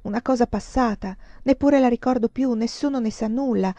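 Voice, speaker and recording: A woman's voice: on the high side, normal speed, dark tone, dry recording, natural voice. A woman voicing a frightened, pleading young woman. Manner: pleading, broken.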